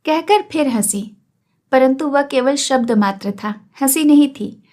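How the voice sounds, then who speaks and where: A woman reading a classic story aloud in a measured, literary narration. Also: sits high, a little mellow.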